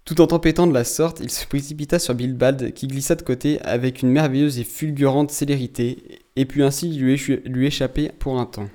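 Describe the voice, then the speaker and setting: A man reading a classic novel aloud, steady and measured in his storytelling, now and then stopping to restart a word. His voice sits at a middle pitch with a mellow, dark tone. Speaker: narrator. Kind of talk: audiobook narration of a classic novel.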